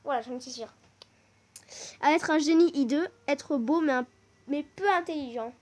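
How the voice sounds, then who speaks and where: A woman hosting a gaming channel, reading would-you-rather choices aloud in a casual way and breaking into excited shouts, with a teasing catchphrase she keeps repeating. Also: high-pitched, moderate pace.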